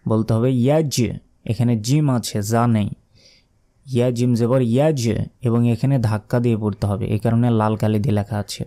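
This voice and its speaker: A man with a Bangladeshi Bengali accent teaching correct Quran pronunciation, repeating words slowly and breaking into a rising melodic chant to recite. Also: medium pitch, mellow.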